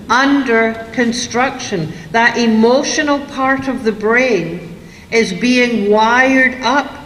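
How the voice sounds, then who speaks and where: Woman speaker, lively lecture to a room of parents, big echoing hall. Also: a little high, a little hiss or hum. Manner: lively, acts out parents and kids in quotes. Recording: echoey hall, long reverb.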